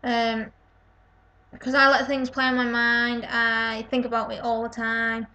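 Completely flat and unhurried, her high-side voice sounds pushed and bright, muffled by the webcam's built-in mic. She's a vlogger in her twenties from North West England with a Lancashire-type accent, rambling tiredly and putting herself down in a casual response video from her kitchen.

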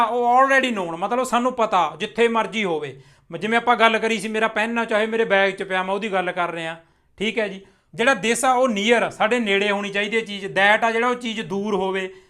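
Young male teacher, high and bright voice, patient step-by-step lesson delivery, slows right down to model example sentences. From Punjab. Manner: slow, deliberate modelling of English sentences, clear step-by-step explaining. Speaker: English teacher. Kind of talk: spoken English lesson explained in Punjabi.

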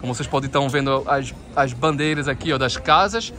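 Quick, bright and pushed, a medium-pitched Brazilian vlogger with a Brazilian Portuguese accent walks through a crowded outdoor Christmas market. He keeps talking to viewers and speaks careful French with the vendors he meets, over busy crowd noise.

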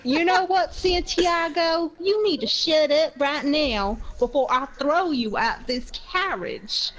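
A woman's voice: high-pitched, slow pace, fairly bright tone, low-quality recording. A woman streamer role-playing a picky customer in a game, speaking mock-stern and giggling as she struggles to stay in character.

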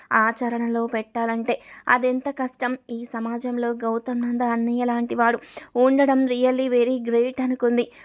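A woman narrating a family story, reading every character's lines in her own voice. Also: on the high side. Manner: reads all dialogue in her own narrating voice; breaks off to ask viewers for likes.

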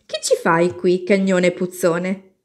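A woman voicing a small, brave little girl who talks slowly and teasingly, without fear. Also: fairly low pitch, flat delivery. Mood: amazed, teasing. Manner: slow, teasing and unafraid.

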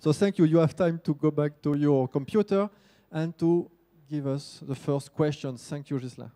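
A man's voice: fairly high pitch, normal speed, mellow, dry recording. A man with a French accent moderating a live talk, polite and often repeating words as he goes.

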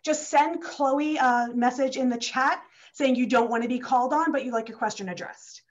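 A young woman, a state legislator, opens a virtual town hall as host from her district office, her high-pitched voice at normal speed. She's chatty and slightly out of breath, with many fillers and restarts in these casual remarks, and the video call audio is dull and lo-fi.

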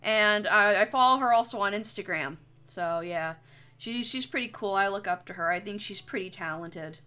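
A young woman, a streamer and artist, chats casually on a livestream while drawing, rambling, joking and swearing a lot. Her voice is medium in pitch with a sharp tone, at normal speed.

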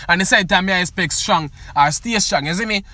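A man's voice: high-pitched, fairly quick, sharp tone, dry recording. A man with a Jamaican accent giving a casual, emphatic review of a song. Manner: emphatic, keeps asking "you see me". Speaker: music reviewer.

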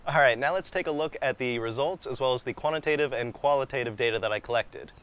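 An American man in his thirties presents a scripted review in the manner of an online explainer. His voice sits at a middling pitch for a man. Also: fast talker, a bit bright, clear, resonant tone. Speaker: vlogger and product reviewer.

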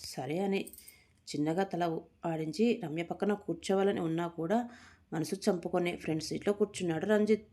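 Low-voiced woman reading a story. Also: mellow.

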